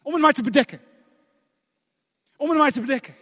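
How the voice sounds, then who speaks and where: A man's voice: very high-pitched, a little fast, fairly bright tone. A man preaching a sermon emphatically, asking the congregation rhetorical questions. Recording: long hall reverb.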